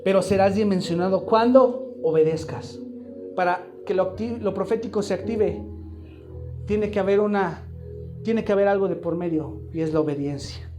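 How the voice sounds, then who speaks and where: A man's voice: sits high, moderate pace, music in the background. A man preaching a live sermon to a congregation, emphatic and throwing repeated questions at the room. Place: church hall, live congregation.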